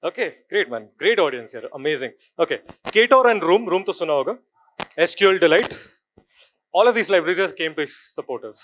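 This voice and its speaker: A man with an Indian English accent delivers a technical talk from a conference stage at a rapid clip. His voice sits a little high, and he keeps quizzing the audience and mixing in Hindi. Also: expressive, a bit bright. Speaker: conference speaker.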